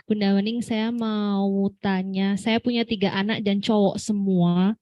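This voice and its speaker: A woman in a seminar audience asks about her children, pausing and searching for words. Her voice is plain in pitch. The mic sound is dull and dry. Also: steady tone, warm tone, dry recording. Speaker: audience member asking a question. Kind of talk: asking a question at a seminar.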